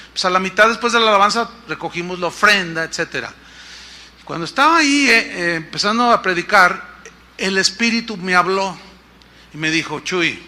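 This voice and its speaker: A man's voice: high voice, bright, forceful tone. A middle-aged man preaching a sermon, telling a personal story and acting out the voices of the people in it. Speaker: pastor.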